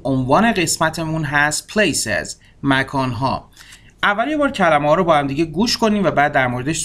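Man teaching English words, lively pitch. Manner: repeats words slowly for learners to copy. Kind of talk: language lesson.

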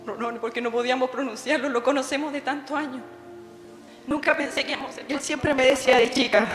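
A woman's voice: fairly high pitch, a bit bright. Middle-aged Chilean woman, emotional memorial testimony before a congregation, echoing church hall, faint music under her. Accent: Chilean Spanish. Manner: heartfelt, emotional, calls listeners "hermano". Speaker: bereaved daughter giving testimony.

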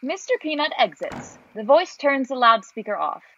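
A woman's voice: high voice, very animated, moderate pace, fairly bright tone, lo-fi sound, a little hiss or hum. A woman narrating, reading stage directions from a script.

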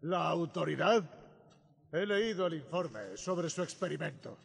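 An actor with a Castilian Spanish accent playing a gruff, protective older male survivor in a video game dub. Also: a little high, unhurried, exaggerated voice. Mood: grave, probing. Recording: game audio with long reverb, noise.

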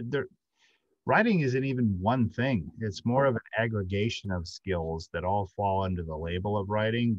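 A middle-aged man with a low voice speaks haltingly and off the cuff as an audio drama writer on an unscripted panel discussion. He's joining by video call from an indoor room, and the audio is roomy and muffled.

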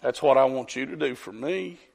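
A man's voice: mid-range voice, moderate pace, vocal fry, darkish tone. A man preaching a folksy storytelling sermon, calling on congregants by name. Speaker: pastor. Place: church sanctuary. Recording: long church hall reverb.

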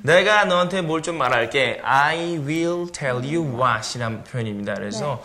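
A man teaching English phrases on a TV lesson, slowly coaching pronunciation. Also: medium pitch, expressive, bright, forceful tone. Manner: slow, careful pronunciation coaching.

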